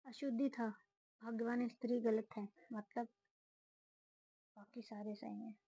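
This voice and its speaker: Woman briskly checking exam answers aloud. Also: a little high, little pitch movement, vocal fry, mellow, slightly rough, rough recording. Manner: reads options aloud, then quick verdicts. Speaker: student solving a test series. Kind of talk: casual spoken walkthrough of exam answers.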